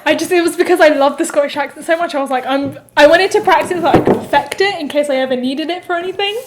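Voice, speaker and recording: High, giggly young London woman. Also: fast, heavy background noise. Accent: London English. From East London, England. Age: young adult. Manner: giggly, well-spoken. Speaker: podcast co-host. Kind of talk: casual chat.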